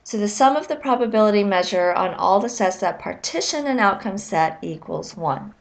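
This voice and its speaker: A woman lecturer giving a recorded lesson, explaining with measured, clear phrasing and the odd filler. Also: mid-range voice, expressive.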